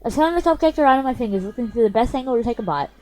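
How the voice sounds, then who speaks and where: A woman's voice: a little high, expressive, rapid-fire, warm tone, slight background noise, rough recording. A young woman reading a visual novel aloud for her stream, chatty and self-mocking, with a slightly sore voice. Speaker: gaming streamer.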